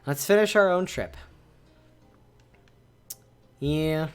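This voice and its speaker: A man's voice: a little high, extremely slow, smooth, faint music behind. A male streamer reading a visual novel aloud, reacting animatedly to its choices.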